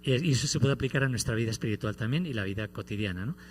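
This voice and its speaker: Male priest, humorous homily storyteller, mid-pitched, faint hum behind. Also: racing. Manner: animated storytelling with playful humor.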